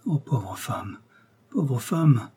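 A stern, brooding nobleman speaks with grave intensity, as a male reader plays him. His voice is dark and mellow with a husky texture. It is only slightly raised from the reader's own. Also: mid-range voice, normal speed, natural voice. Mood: grave dread.

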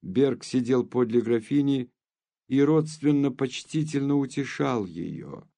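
A man narrating a classic novel as an audiobook in a measured, unhurried reading. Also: medium pitch, expressive, gravelly, dark tone. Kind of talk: scripted literary narration.

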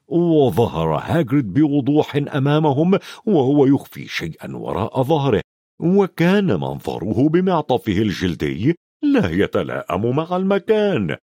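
A man reads a novel aloud in expressive, scripted narration. His voice rises and falls a lot, with a middling pitch. The recording is dry and close. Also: no echo. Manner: expressive storytelling. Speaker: audiobook narrator.

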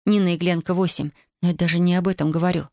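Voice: mid-range voice, steady tone, darkish tone, no room sound, studio quality, close to an everyday voice. A narrator voicing an earnest, proud young woman who pleads and argues in an audiobook reading. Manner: pleading, earnest, quick when upset. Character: young woman, tender but proud and hurt.

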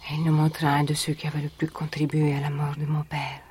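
An actress in a 1980s radio drama playing a young woman who was once a captive, telling her story in a measured, solemn way. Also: deep voice, monotone, darkish tone, a little hiss or hum, lightly acted. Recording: vintage radio recording.

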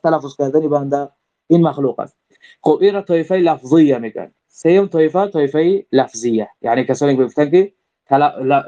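A man's voice: fairly high pitch, mellow. A man with a Tajik Persian accent gives a religious creed lesson, explaining step by step with repeated rephrasing and frequent hesitant fillers. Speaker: religious teacher. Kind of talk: lecturing on creed. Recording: dull lo-fi recording.

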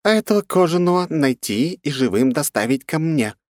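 A man's voice: fairly high pitch, big pitch swings, normal speed, dry recording, studio quality, voice pushed up. A man voicing a cold, commanding female insect queen with a hunger for flesh. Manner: regal, commanding.

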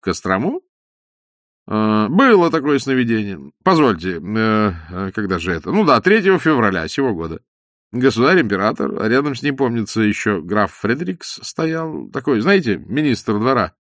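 A man's voice: mid-range voice, sing-song, moderate pace, a bit bright, no echo, studio quality. A man voicing a cheerful young con man who talks in an easygoing, sly, good-natured way. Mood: playful.

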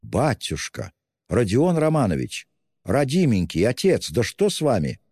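Male reader doing a sly, fawning older investigator, wheedling and raised in pitch over a low, dark voice; hall reverb. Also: sing-song, unhurried, clean studio sound, full character voice. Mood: fussing. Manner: wheedling, ingratiating, mocking, with fussy endearments.

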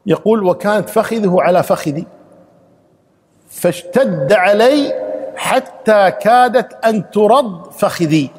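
A man's voice: high voice, expressive, a little slow, husky, in a large hall. A man, a sheikh giving an emphatic Quran exegesis lesson, reciting verses and repeating key phrases.

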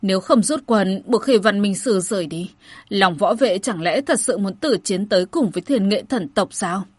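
A soft-spoken old steward calms down an angry general with patient explanations, in a woman's reading. The voice is husky. The sound is dry and close. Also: mid-range voice, normal speed, dry recording, lightly acted. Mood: placating.

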